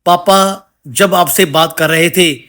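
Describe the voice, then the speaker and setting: A tearful little girl crying out for someone to save her mother, as a man reads her part in a storybook narration. Her pleas come out slowly and evenly, pitched a touch high for a man. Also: steady tone, pushed and bright, full character voice. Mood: grieving. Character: weeping little girl begging for help.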